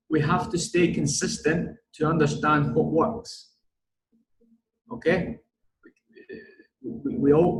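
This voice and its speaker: A man's voice: fairly high pitch, slight background noise. Man with a broad Scottish accent, echoey room. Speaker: strength and conditioning coach giving a lecture. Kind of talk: online lecture.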